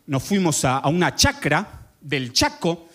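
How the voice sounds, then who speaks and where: A man's voice: on the high side, big pitch swings, a little slow, fairly bright tone. A man with an Argentine accent telling a boastful comedic story that turns into a gospel message. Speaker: comedic preacher.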